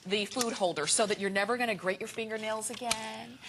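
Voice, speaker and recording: A woman co-hosting a home shopping product demonstration, chatty and excited. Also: medium pitch, a little fast, noisy background. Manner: chatty, excited co-host reactions. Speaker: shopping channel host.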